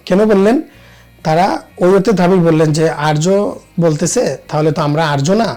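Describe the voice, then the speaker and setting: A man, a poet and researcher, speaking thoughtfully in an interview and letting his phrases trail off softly. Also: on the high side, steady tone, a little fast, soft background music. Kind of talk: reflective interview talk.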